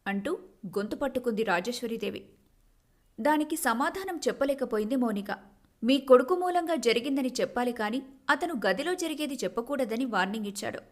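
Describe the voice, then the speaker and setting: Expressive woman telling a storybook tale. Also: on the high side, a little fast. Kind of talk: scripted narration.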